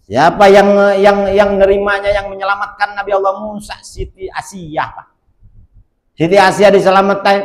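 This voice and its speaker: A man preaches a casual, story-driven sermon with a high voice. He jokes his way through the tale and keeps turning to address his listeners directly. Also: rough recording. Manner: jokey, laughs at his own stories, often addresses listeners as "Pak". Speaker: Islamic preacher.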